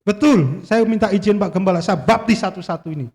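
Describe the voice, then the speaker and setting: A man giving an animated sermon as a guest preacher in a church, joking with the congregation and asking it questions. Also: high-pitched, a little fast, in a large hall.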